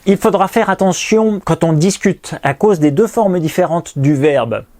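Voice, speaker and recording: A man teaching English grammar in a recorded lesson, explaining clearly and patiently and repeating pronunciation drills. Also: sits high, unhurried, darkish tone.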